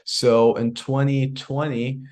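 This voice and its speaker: A man's voice: medium pitch, flat delivery, takes it slowly, a little mellow. A man in his twenties from Iraq, a podcast guest telling his story with energy and earnest drive. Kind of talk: storytelling interview answer.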